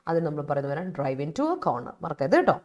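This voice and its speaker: A woman with a Malayali accent teaching English vocabulary in a live online class, calling students by name and reminding them often. She talks fast, then slows right down to read out each English example. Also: low-pitched, animated, a little mellow, lo-fi sound. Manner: switches fast between Malayalam and slow, deliberate English examples. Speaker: English teacher for exam aspirants.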